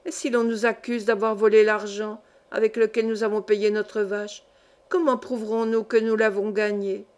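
A woman's voice: medium pitch, little pitch movement, normal speed, a little mellow, lightly acted. A woman reading the lines of a frightened, tearful young boy in a storybook, in a self-reproaching manner. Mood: tearful, despairing.

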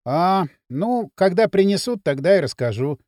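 A male audiobook reader voicing a sullen, tough teenage boy who speaks curtly and gruffly. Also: high-pitched, sing-song, normal speed, darkish tone, dry recording, studio quality. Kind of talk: audiobook character voice.

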